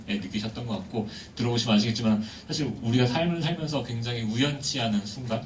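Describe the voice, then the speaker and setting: A man moderating a film Q&A, politely summarizing and taking questions. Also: lowish voice. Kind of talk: hosting a Q&A. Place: cinema hall. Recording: echoey hall, far from mic, faint noise.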